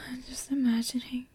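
A woman in an intimate, erotic whispered ASMR role-play for one adult listener, breathy and halting, speaking right in the ear. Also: sits high, a little mellow, no room sound. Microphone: very close microphone, dry.

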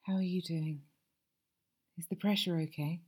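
A woman performing an ASMR audio roleplay as a masseuse, talking softly and soothingly and often slipping into whispers. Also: on the low side, fairly even intonation, normal speed, slightly rough.

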